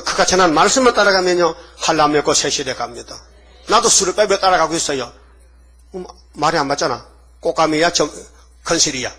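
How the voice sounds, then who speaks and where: An older man preaches a sermon in a husky, slightly high voice. He scolds in plain everyday speech and keeps putting questions to his listeners, checking that they follow. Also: fairly bright tone. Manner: colloquial, scolding, asks the congregation questions. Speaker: pastor.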